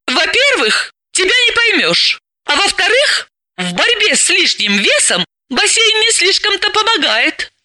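A man reading an audiobook, voicing a timid, indignant young woman sleuth in a high, breathless, exclaiming voice. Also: wildly swooping pitch, a little slow, bright, forceful tone, dry recording, clean studio sound, full character voice.

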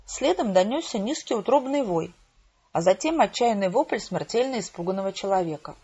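A woman narrating an amateur audiobook in an even storytelling manner, in a dull lo-fi recording. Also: medium pitch, moderate pace, husky. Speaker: audiobook reader.

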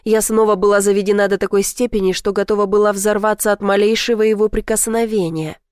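Brief: female audiobook narrator, soft intimate first-person romance reading, dry close voice. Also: mid-range voice, steady tone, fast talker, smooth, no room sound.

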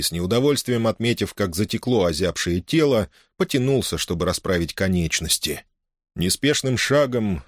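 A man narrating a historical novel in measured, literary storytelling. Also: deep voice, no room sound, clean studio sound. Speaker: audiobook narrator. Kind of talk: scripted narration.

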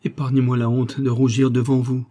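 A man's voice: mid-range voice, completely flat delivery, brisk, mellow, voice pushed up, natural voice. A man reading aloud voices a distraught, proud young noblewoman who pleads emotionally. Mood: pleading.

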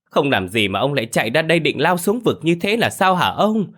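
A man voicing a middle-aged village wife who wails and scolds her husband loudly. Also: a little high, big pitch swings, a little fast, voice pushed up. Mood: wailing. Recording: faint background music.

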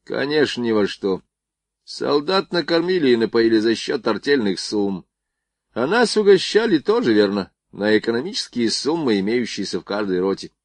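A man's voice: mid-range voice, big pitch swings, moderate pace, no room sound. A man reading the lines of an ironic, worldly army officer with an evasive manner.

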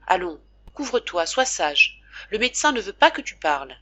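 A woman's voice: medium pitch, very animated, moderate pace, pushed and bright, muffled recording. A woman reading the part of a talkative, affectionate father who fusses over his sick son. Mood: tender. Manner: chatty, scolding fondly. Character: doting talkative middle-aged father.

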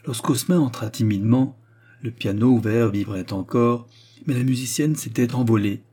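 A man reading a novel aloud as an audiobook, in steady, measured narration. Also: mid-range voice, slightly rough. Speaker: audiobook reader.

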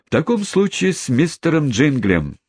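A man voicing a flustered older English gentleman who pleads desperately, in an audiobook reading. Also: on the high side, very animated, moderate pace, no room sound, studio quality, pitched above the performer's own voice. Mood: earnest. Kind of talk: audiobook character voice.

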